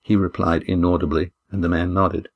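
Low-voiced man reading an audiobook. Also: flat delivery, moderate pace, vocal fry, muffled recording. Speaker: audiobook narrator. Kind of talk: scripted story narration.

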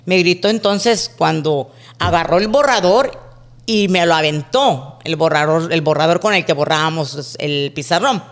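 Middle-aged woman, podcast guest, fairly low voice, animated storyteller who plays out the dialogue. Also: normal speed. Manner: animated, acts out quoted dialogue. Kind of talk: casual storytelling.

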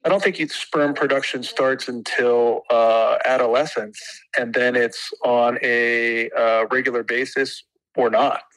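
A man's voice: mid-range voice, fairly even intonation, measured pace, fairly bright tone, dry recording. A man on a phone call, heard through a speakerphone, giving brief, matter-of-fact answers with hesitant fillers as a doctor being asked a question. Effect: heard over a phone speakerphone. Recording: distant phone speaker picked up by the room mic.

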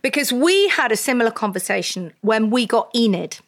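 A woman co-hosting a home interiors podcast, chatting casually and cutting in with quick jokes. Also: fairly high pitch, lively intonation, a bit bright. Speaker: podcast co-host. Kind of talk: casual chat.

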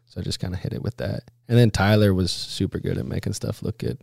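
Man, lowish voice, casual storytelling, laid-back snowboarder slang, lots of "like" and "dude", interview guest, dry close sound. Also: very animated, fast talker, gravelly, a little mellow, no room sound.

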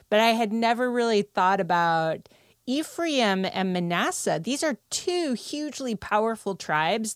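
A woman hosting a podcast, presenting clearly and with enthusiasm. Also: medium pitch, fairly bright tone, no room sound, clean studio sound. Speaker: podcast host.

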